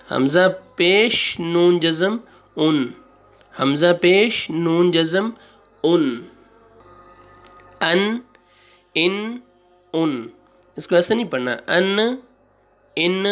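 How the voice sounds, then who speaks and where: A man teaching Quran reading, spelling out syllables slowly one by one, repeating them and correcting wrong readings. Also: on the high side. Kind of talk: slow spelling-out recitation lesson.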